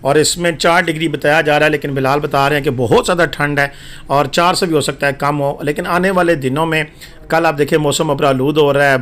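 A man's voice: on the high side, fairly bright tone. A man narrating a travel and weather update as a voice-over, chatty and informal, with frequent fillers.

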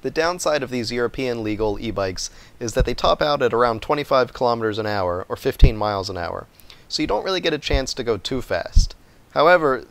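American man narrating a scripted explainer. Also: mid-range voice. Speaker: vlogger and product reviewer.

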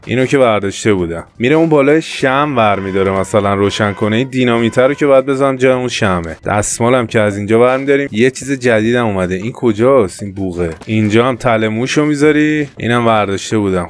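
A young man giving casual let's-play commentary, excitable and trash-talking, his voice jumping up when he panics. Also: slight background noise. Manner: excitable, trash-talks the game character, jumps high when panicked. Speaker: gameplay commentator. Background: faint game music.

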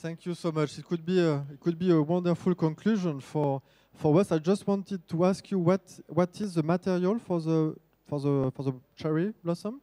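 A man's voice: a little high, moderate pace, dark tone, no room sound. A man with a French accent moderating a live talk, polite and often repeating words as he goes.

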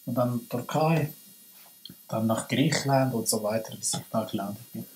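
A young man from Iran talks in a relaxed interview, his speech marked by a Persian accent. He is hesitant, often stops and restarts words, at an ordinary pitch. He sits at a table in a small room, heard through a camera a few meters away. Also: moderate pace, poor audio. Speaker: guest. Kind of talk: casual interview.

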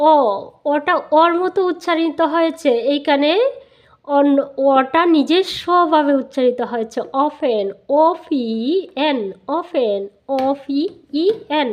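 A woman teaching English spelling and phonics, spelling words out letter by letter and repeating them slowly. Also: high-pitched. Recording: dull lo-fi sound.

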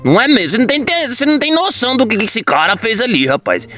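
A man giving excitable, exaggerated comedic commentary while playing a game, full of folksy slang. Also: very high voice, rapid-fire, faint music behind. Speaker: gaming comedy creator.

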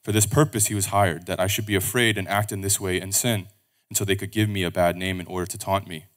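A man reading scripture aloud at a pulpit microphone in a church service, steady and measured. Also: sits low.

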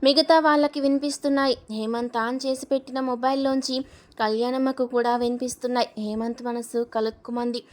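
A woman narrating a serial story in a steady, expressive storybook reading. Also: on the high side, brisk.

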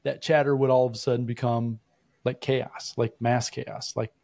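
A man's voice: medium pitch, little pitch movement, normal speed, vocal fry, a little mellow, dry recording. A man co-hosting a podcast, asking his co-host probing, leading questions in a casual conversational way with frequent restarts.

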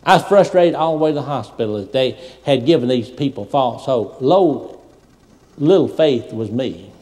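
A man preaching a sermon as a pastor, telling stories and swinging from loud preaching to soft asides. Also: medium pitch, expressive, moderate pace. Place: large church sanctuary. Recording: long hall reverb.

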